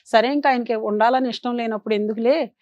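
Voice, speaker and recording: A woman's voice: a little high, fairly even intonation, fast talker, a little mellow, dry recording, lo-fi sound. A woman from Vijayawada telling her marriage troubles earnestly and plaintively as a talk show guest. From Vijayawada, India. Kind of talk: personal account on a talk show.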